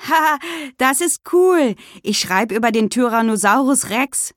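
A woman voicing a loud, boastful young schoolboy. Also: medium pitch, normal speed, dry recording, studio quality, voice pushed up, lightly acted. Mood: excited. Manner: excited, grumbling.

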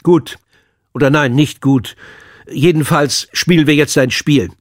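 A man's voice: on the high side, measured pace, no echo, studio quality. A man voicing a stern, flustered male substitute teacher who is strict and exasperated with his class in a storybook reading.

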